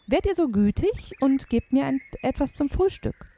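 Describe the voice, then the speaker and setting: Lady doing a hungry little boy in a fairy tale, begging politely, voice jumps up high. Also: sing-song, normal speed, warm tone. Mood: pleading. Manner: pleading, polite.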